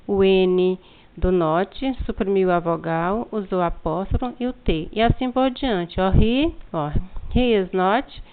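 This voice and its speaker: A woman's voice: mid-range voice, clear, resonant tone. Woman teacher with a Brazilian accent. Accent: Brazilian Portuguese. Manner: patient, step-by-step explaining with frequent "look" prompts. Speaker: English teacher. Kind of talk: remote classroom lesson. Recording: tinny phone-like lo-fi sound.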